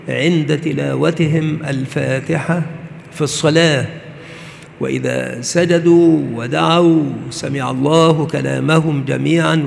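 Gravelly man teaching in an echoing hall. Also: fairly high pitch. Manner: measured, explanatory, slows down to recite verses. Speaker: religious teacher. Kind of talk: Islamic study lecture. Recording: reverberant hall with faint background noise.

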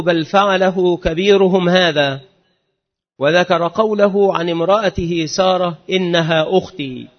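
High-voiced man reading religious texts. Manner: measured, formal recitation. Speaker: religious teacher. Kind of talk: reading and explaining hadith. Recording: dull lo-fi recording in a reverberant hall.

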